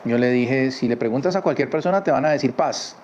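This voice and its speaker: A man teaching a religious lesson from his home in a conversational way, often adding quick tag questions. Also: medium pitch, darkish tone. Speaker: Torah teacher. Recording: slightly dull recording with faint background noise.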